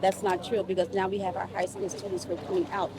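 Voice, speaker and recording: Talking fast and flat at a medium pitch, this woman in her fifties, a council member, presses her points in a conversational interview by repeating phrases. People and traffic can be heard around her on the street.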